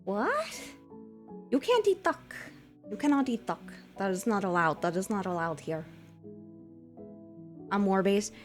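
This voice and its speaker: Faint music sits behind a woman in her twenties who chats unhurriedly with her stream audience, her intonation lively and her pauses long. As a VTuber, she puts on a lighter feminine voice over her own low one and rambles with fillers and giggles.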